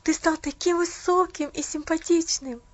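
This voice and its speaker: A woman voicing an earnest, kind-hearted young girl who talks in a pleading, bright way. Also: very high voice, steady tone, normal speed, highs cut off, voice pushed up. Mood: delighted.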